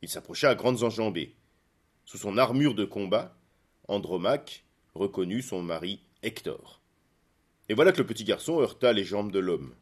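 A man reading a serialized story aloud, with calm, expressive scripted narration. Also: fairly low pitch, normal speed.

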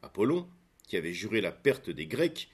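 Man storyteller, measured and expressive, lowish voice. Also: husky. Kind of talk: storybook narration.

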